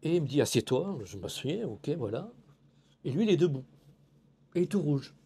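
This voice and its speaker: A young man from France telling a personal story in a casual, animated way, acting out the dialogue and dropping in Japanese phrases. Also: fairly high pitch, normal speed, slight background noise.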